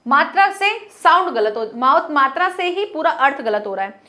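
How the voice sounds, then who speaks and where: High-voiced woman teaching Hindi grammar. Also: sing-song, moderate pace, pushed and bright. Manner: explains patiently, repeats words to model pronunciation; asks the class questions and answers them herself. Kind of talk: Hindi grammar lesson for students.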